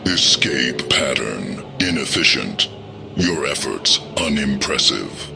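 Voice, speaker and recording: Disembodied unseen male presence: extremely low, gravelly, cold and clipped, over a low rumble. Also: expressive, slow pace, heavily acted. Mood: taunting. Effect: disembodied voice with no visible source.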